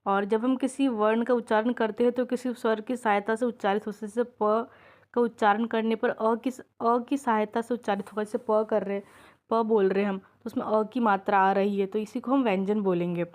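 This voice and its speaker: Casting: female teacher, fairly high voice, patient step-by-step exam-prep explainer who keeps checking understanding. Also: fairly even intonation. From India. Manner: drawn-out example sounds, each said slowly. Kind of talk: exam-prep grammar lesson.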